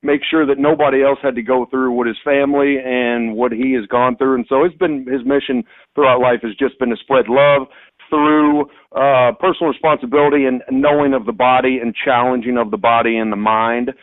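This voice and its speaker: A man's voice: mid-range voice, little pitch movement, dry recording. Radio caller, a man on a tinny phone line. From Kentucky. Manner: halting, with frequent restarts and fillers. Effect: phone line call-in voice. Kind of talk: explaining a topic on a call-in show. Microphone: telephone.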